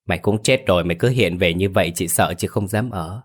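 A man voicing a grieving young widow in a ghost story, pleading and softly respectful as she begs to leave. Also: low-pitched, a little fast.

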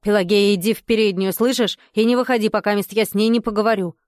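Woman doing a village witch, hoarse, blunt, commanding, dry close sound. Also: medium pitch, steady tone, fast talker, a little mellow, no room sound, lightly acted. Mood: stern.

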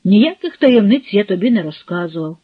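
A woman's voice: medium pitch, very animated, normal speed. A woman voicing a resolute young village man in an audiobook, speaking firmly and defiantly. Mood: determined. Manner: firm, defiant. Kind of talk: audiobook character voice. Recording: husky, phone-like, dry.

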